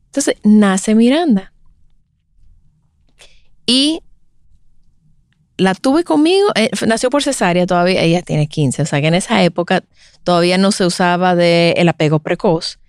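A woman in her forties telling a personal story in a conversational interview, animated and acting out the voices of others. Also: lowish voice, normal speed, pauses often, smooth, no echo, studio quality. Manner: animated, acts out quoted voices. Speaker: guest speaker on breastfeeding.

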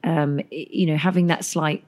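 A woman's voice: sits low, fairly even intonation, moderate pace, a little mellow. A woman guest on a podcast interview, speaking modestly and hesitantly with many fillers. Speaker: guest, stage performer. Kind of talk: casual interview.

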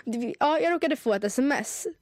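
A young woman co-hosting a podcast, telling stories in a chatty, animated way with lots of fillers. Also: high-pitched, no room sound, clean studio sound. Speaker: podcast co-host. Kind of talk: casual chat.

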